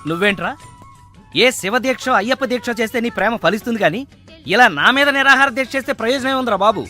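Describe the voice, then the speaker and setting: A man's voice: very high-pitched, quick pace, over music. An actor playing a married man in a film comedy, dodging questions with sing-song riddle stories. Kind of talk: Telugu film comedy acting. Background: film background score.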